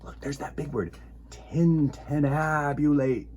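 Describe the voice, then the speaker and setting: This children's storytime host has a fairly high-pitched voice and reads a picture book slowly, with slight background noise behind him. He chats theatrically with young listeners, speaking to them directly with playful, animated exclamations and gasps.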